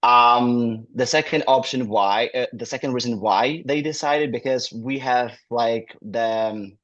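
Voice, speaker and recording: Unhurried and a bit bright, this medium-pitched man speaks with a Ukrainian accent as a guest in a casual interview. He works as an admissions manager, the call sounds dull, and his non-native phrasing comes with lots of fillers.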